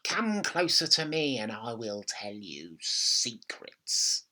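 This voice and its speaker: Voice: mid-range voice, very animated, sharp tone, heavily acted. A reader voicing a nasty, witchy old grandmother in a storybook, bossy and gloating, with a throaty voice and menacing emphasis. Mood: sly, creepy. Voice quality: throaty, raspy, whispery at times. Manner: snapping, slow menacing emphasis.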